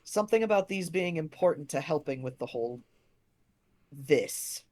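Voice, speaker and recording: Low-voiced, animated woman playing a tabletop game. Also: normal speed. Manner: informal, joking. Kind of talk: casual improvised play.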